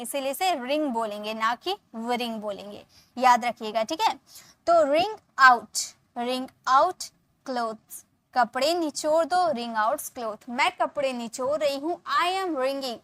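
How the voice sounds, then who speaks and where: High-voiced woman teaching English, dry close sound. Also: fairly bright tone, dry recording. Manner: explains in Hindi, slows down for English example sentences; repeats points, often adds "ठीक है" and "okay". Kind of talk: spoken English lesson.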